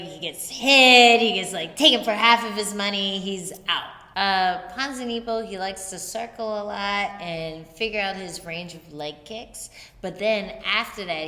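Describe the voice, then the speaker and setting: A woman's voice: fairly low pitch, pushed and bright. A young adult woman co-hosting a casual chat, joking and laughing often. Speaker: podcast co-host. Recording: echoey room with long reverb.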